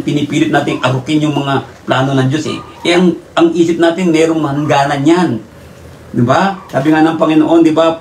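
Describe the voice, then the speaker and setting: Filipino man teaching Bible verses in an echoey room. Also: on the high side. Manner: reads verses slowly, then explains with repeated tag questions. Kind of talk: Bible teaching, reading verses and explaining them. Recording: echoey room, distant mic, faint noise.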